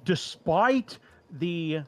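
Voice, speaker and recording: A man's voice: on the high side, expressive, drawn-out words, noisy background. A man narrating as the dungeon master of a tabletop game, often stumbling and repeating words as he describes scenes.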